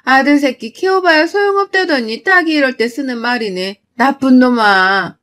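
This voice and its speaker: A woman voicing a harsh, bossy middle-aged mother-in-law who scolds and insults in a shrill, loud voice. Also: moderate pace. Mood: furious.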